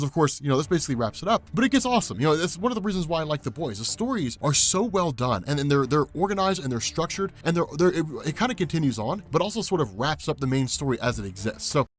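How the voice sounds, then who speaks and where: Fast-talking man, husky rambling commentary. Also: medium pitch. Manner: rambling, many restarts and fillers. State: groggy morning voice. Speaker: comic book explainer host. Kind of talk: casual unscripted commentary.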